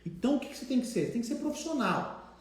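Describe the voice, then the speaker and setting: A Brazilian man giving a casual, animated talk as a debt collection trainer, acting out debtors now and then. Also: very high-pitched, rapid-fire. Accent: Brazilian Portuguese. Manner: animated, acts out debtor's voices. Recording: very echoey room.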